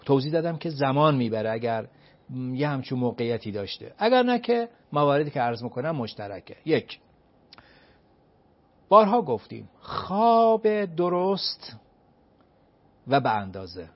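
A man with a mid-range voice and big pitch swings offers advice as an expert guest, captured in a dull, lo-fi recording. He speaks emphatically, poses rhetorical questions only to answer them himself, and lists his points in order.

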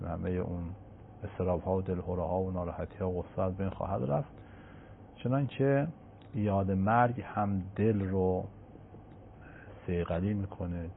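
A man, a cleric, giving a measured religious answer to a caller and quoting scripture in Arabic. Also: deep voice, slight background noise. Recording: tinny phone-line sound.

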